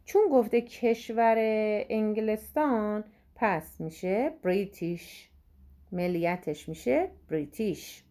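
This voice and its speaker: Warm-voiced woman teaching English exam answers. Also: medium pitch, expressive. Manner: reads English words slowly, explains quickly in Persian.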